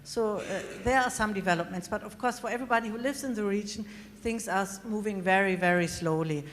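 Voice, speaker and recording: A woman answers audience questions on a conference panel in a measured, thoughtful way. A long hall reverb surrounds her voice, with faint room noise behind it. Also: medium pitch. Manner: measured, thoughtful, some pauses.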